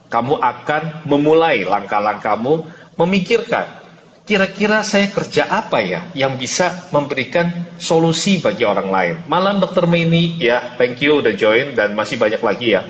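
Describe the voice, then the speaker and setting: A man's voice: mid-range voice, a bit bright, highs cut off. A man hosting an online mentoring session, greeting joiners by name and giving an earnest motivational talk, his voice carrying a heavy cathedral-like echo. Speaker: host and business mentor. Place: closed room. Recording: echoey hall with long reverb, faint hiss.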